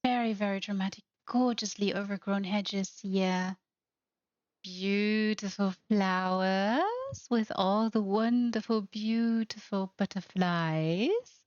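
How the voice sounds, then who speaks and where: A woman hosting a tour of a game house, gushing with lavish praise at a slow, deliberate pace and sometimes slipping into playful baby-talk. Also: mid-range voice, animated, a little mellow, dry recording, muffled recording. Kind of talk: casual tour commentary.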